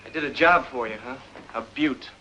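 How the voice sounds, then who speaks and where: An actor playing a guilt-ridden young policeman in a 1950s film, speaking in a quiet, subdued way. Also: medium pitch, moderate pace, lo-fi sound, close to an everyday voice. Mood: subdued, remorseful. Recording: old film audio with faint hum.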